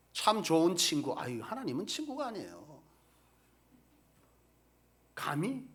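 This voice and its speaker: A man preaching a sermon in a high, bright voice that leaps up and down in pitch. He presses his points with rhetorical questions to the congregation. His delivery moves between loud emphatic bursts and near-whispers. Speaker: pastor.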